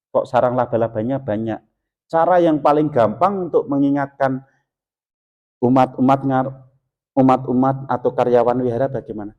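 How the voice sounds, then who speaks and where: A man giving a dharma sermon as a Buddhist monk, telling homely stories and acting out little dialogues between people. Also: lo-fi sound. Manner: folksy, acts out little dialogues, shifts into high mock-scolding voices.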